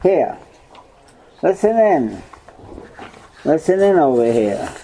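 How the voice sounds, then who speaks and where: A man's voice: on the high side, big pitch swings, slow pace, dark tone, a little hiss or hum, poor audio. A man teaching a Torah study lesson, asking and answering his own questions and repeating himself. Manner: repeats phrases, checking with "right?". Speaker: religious teacher.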